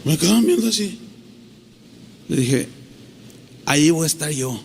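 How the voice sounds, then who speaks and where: Animated high-voiced preacher man. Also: a little slow, gravelly, big-room sound, a little hiss or hum. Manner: animated storytelling, acting out quoted dialogue. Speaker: pastor. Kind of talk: sermon.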